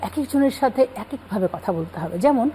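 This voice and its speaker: Woman guest scholar, calm explanatory delivery, relaxed tone, light background hiss. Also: on the high side, normal speed, low-quality recording. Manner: calm explanatory, cites scripture. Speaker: religious guest speaker. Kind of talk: Islamic talk show explanation.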